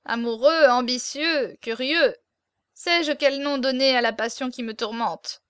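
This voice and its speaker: A woman's voice: high voice, unhurried, fairly bright tone, smooth, no room sound, clean studio sound. A woman reading the part of a small hunchbacked man, hesitant and stammering, with a hidden intensity, in an audiobook. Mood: fervent. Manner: hesitant, stammering, turning fervent.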